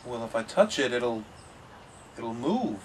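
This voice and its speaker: A man's voice: mid-range voice, sing-song, measured pace, recorded from a distance. A man playing an agreeable, puzzled producer sidekick on an old TV show, giving simple, hesitant short replies. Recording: off-mic, noisy room.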